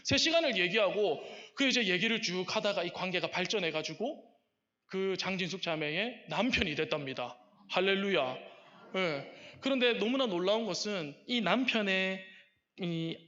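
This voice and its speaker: A man preaching a sermon, telling a story with lively shifts and softly acting out quoted prayers. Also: high voice, dull audio. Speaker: pastor. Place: church sanctuary.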